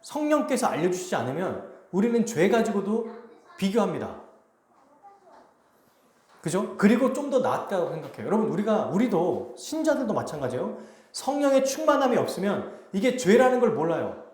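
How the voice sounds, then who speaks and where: Lively, animated male pastor preaching. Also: sits high, moderate pace. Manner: animated storytelling, acts out quoted lines. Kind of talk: sermon with a personal story. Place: church sanctuary. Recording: echoey church hall.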